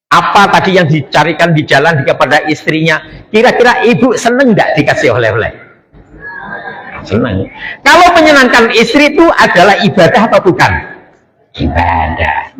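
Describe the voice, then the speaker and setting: Lively, joking male preacher. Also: on the high side, poor audio. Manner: asks the congregation questions and jokes with them. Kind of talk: sermon, lively religious talk. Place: mosque after dawn prayer.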